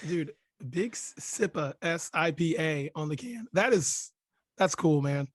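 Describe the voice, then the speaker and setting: Male podcast host, hoarse and raspy with a cold, higher pitch, sarcastic, close dry sound. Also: lively intonation, measured pace, dry recording. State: sick with a cold, lost voice. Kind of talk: casual podcast chat.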